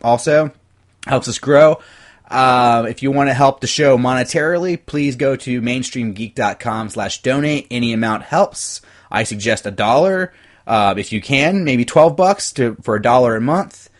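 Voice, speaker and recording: A man's voice: medium pitch, normal speed. A man hosting a casual podcast, talking in a loose, rambling way with frequent restarts and casual swearing, on a desktop mic. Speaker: podcast host. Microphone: desktop USB mic.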